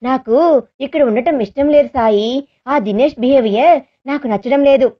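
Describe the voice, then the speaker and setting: A woman's voice: high voice, normal speed, dull audio. A woman voicing a subdued, hurt young woman in a read-aloud story.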